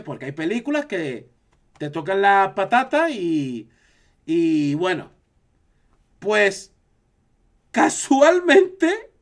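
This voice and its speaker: Chatty Spanish man streaming. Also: high voice. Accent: Spanish from Spain. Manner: chatty, animated, reacting to chat. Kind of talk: casual live-stream chat.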